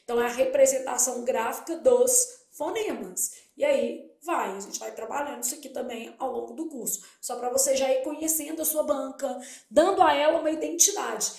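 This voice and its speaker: Woman teacher, high voice, echoey room, explains step by step. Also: brisk, a little mellow. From Brazil. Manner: explanatory, asks and answers her own questions. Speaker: Portuguese teacher. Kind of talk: exam-prep lesson.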